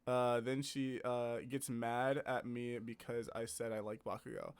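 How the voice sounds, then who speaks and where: A young man co-hosting a livestream, casual and laid-back, with lots of fillers and loud laughs. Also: medium pitch, level tone, unhurried, smooth, no echo. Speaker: stream co-host. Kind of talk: casual chat.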